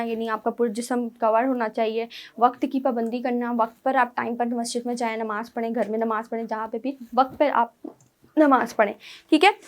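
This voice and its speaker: A woman teacher, giving an online lecture to schoolchildren, explaining step by step and often checking with "right?". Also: fairly high pitch.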